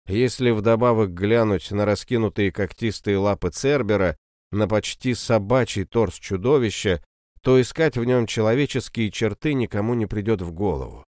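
Male audiobook narrator, low voice, steady first-person fantasy read, dry close sound. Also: moderate pace, dry recording.

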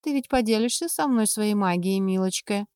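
A woman's voice: medium pitch, moderate pace, darkish tone, no room sound, close to an everyday voice. A woman voicing a scheming noble duchess who gives orders in a coaxing, imperious way.

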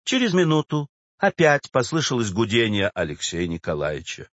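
A man narrating a classic story as an audiobook, in an expressive, storytelling manner. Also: mid-range voice, normal speed, no echo, lo-fi sound. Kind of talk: literary audiobook reading.

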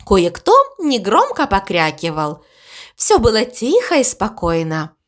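A woman reading a children's story aloud as storyteller, expressive and animated. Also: mid-range voice, a little slow.

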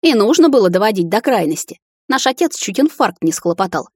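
A woman's voice: medium pitch, sing-song, brisk, husky, no echo, clean studio sound. A woman doing a teasing prince brother. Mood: reproachful. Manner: bantering, then soothing. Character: teasing, protective young prince, older brother.

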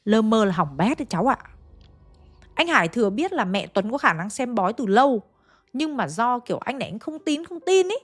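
Chatty woman telling a ghost story, talks right to you, fairly high voice, soft music behind. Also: sing-song, a little fast. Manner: chatty, addresses listeners directly. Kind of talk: conversational storytelling. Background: faint background music.

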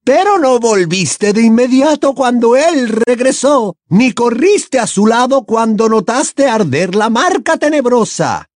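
A shrill, fanatical woman full of scorn, her voice pitched very high and strained, as a man puts her on. She accuses and snaps, quick to anger. An audiobook character voice, recorded close and dry. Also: very animated, no echo, full character voice. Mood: scornful.

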